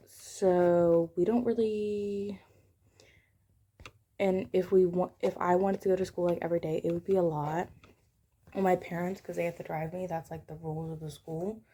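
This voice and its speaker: A soft-spoken young woman chatting casually through a crochet tutorial at home, her voice low and mellow with a fairly flat, even delivery. She sometimes drops to a hush, and a faint background noise sits under her voice. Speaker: crochet vlogger.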